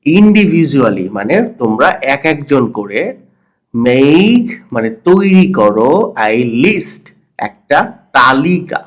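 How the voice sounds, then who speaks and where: A Bangladeshi man teaching English to children with a cold, repeating words slowly and saying the first syllable loudly and the rest softly. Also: medium pitch, very animated. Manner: playful teasing of pupils. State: has a cold. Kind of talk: slow explanatory lesson for children.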